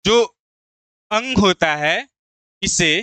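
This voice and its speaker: A man teaching a Hindi exam-prep video lesson. He asks his viewers a question, answers it himself, and slowly repeats the key terms. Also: high-pitched, animated, pushed and bright, clear, resonant tone, no echo. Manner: addresses viewers as "friends".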